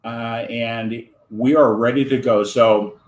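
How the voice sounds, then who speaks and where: An American man hosts an online interview show from his home in Wisconsin, speaking slowly in a steady, medium-pitched voice. He rambles and uses many fillers, and the sound is roomy.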